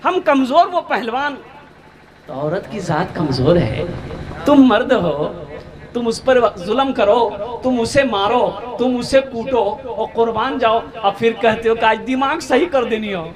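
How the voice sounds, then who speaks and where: A man from Bengal giving an animated sermon to a seated gathering, questioning his listeners and slowing down for emphasis. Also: very high voice. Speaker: Islamic preacher. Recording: live gathering with crowd noise. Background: seated crowd of listeners.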